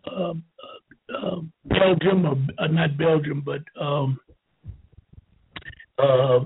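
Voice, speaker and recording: A man in his seventies telling a rambling story slowly, with halting restarts. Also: fairly high pitch, a little hiss or hum. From United States. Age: 70s. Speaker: show host. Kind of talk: rambling talk. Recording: tinny phone-like line.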